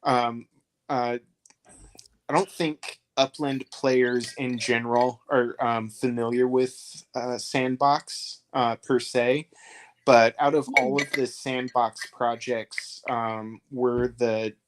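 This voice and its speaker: A man's voice: mid-range voice, steady tone, slow pace, slight background noise. A man talking as a guest on a podcast, telling long rambling stories with plenty of fillers. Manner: rambling storyteller, acts out voices in anecdotes. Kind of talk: casual chat.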